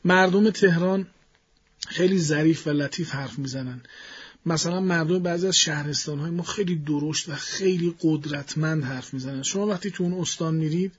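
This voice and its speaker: A man being interviewed as a voice expert in a studio, explaining his views in a measured way and thinking aloud as he goes. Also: a little high, slightly rough, lo-fi sound. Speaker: guest voice expert.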